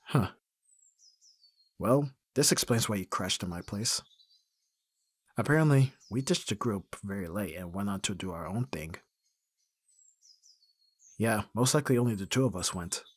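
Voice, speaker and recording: In a one-sided, intimate ASMR roleplay, a man plays a flustered, awkward young best friend, speaking hesitantly with sighs and stammers as he seems puzzled and pieces things together. His voice is on the low side, animated and unhurried, with long pauses, a breathy edge, and no echo.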